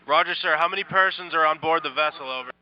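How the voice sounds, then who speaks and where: A coast guard radio operator speaks in clipped, formal procedure over VHF marine radio. His voice sits on the high side and he talks fast, with a noisy background and a muffled transmission.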